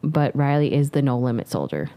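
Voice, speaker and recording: A woman's voice: rumbling low, sing-song, fairly quick, dark tone. A woman in her thirties, a co-host in casual chat, who acts out quotes in big voices. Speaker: podcast co-host.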